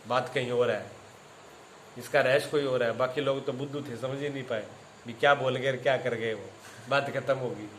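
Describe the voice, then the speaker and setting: A man's voice: mid-range voice, fairly bright tone, reverberant, slight background noise, poor audio. A man giving a spiritual discourse as a teacher, telling stories with acted quotes and repeating his phrases.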